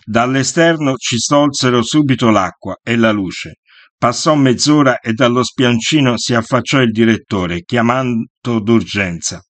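A man's voice: medium pitch, a little slow, fairly bright tone, dry recording. Man reading a memoir, dry close sound. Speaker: narrator. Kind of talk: first-person memoir reading.

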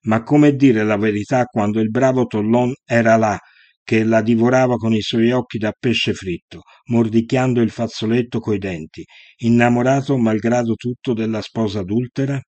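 A man giving a measured, scripted narration of a historical story. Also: mid-range voice, fairly even intonation, darkish tone, dry recording.

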